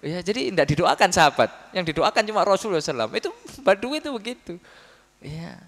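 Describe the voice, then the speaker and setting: Man preaching to a crowd, kinda high voice, lively storyteller, long hall echo. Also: very fast. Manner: lively storytelling with acted quotes and laughs; addresses the audience as Pak. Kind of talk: religious study talk.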